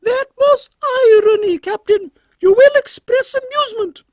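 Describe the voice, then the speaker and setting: A man's voice: extremely high pitch, measured pace, dry recording, studio quality, pitched above the performer's own voice. A man voicing an imperious, drily witty Queen Victoria with a British accent, regal and condescending, in a steampunk audio comedy. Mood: regal, grave. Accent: British English.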